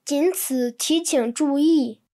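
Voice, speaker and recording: A woman reading translated textbook sentences in an even, clear manner. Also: high-pitched, slow. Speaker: Chinese translation reader.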